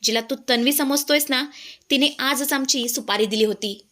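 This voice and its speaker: A woman's voice: sits high, moderate pace, sharp tone. A woman voicing a bold young husband who gives urgent, stern commands.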